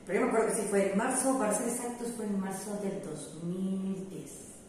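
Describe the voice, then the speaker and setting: A woman's voice: medium pitch, a little fast. A young woman with a Mexican accent, talking in a chatty, reflective way in casual conversation. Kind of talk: casual chat. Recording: roomy echo, far from mic, faint noise.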